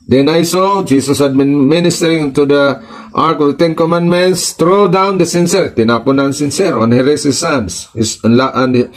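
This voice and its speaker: A pastor with a Filipino accent preaches a sermon, reading passages aloud in English and then explaining them in Tagalog, repeating his points with emphasis. His voice is medium-pitched and a bit dark, and the audio quality is poor.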